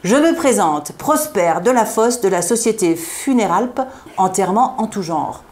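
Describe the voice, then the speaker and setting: Brief: a plump, beaming undertaker pitching his wares, loud and cheery, as a woman reads him out. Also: expressive, a little slow. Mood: jovial. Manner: cheery, booming salesman patter. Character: jovial chubby male undertaker salesman.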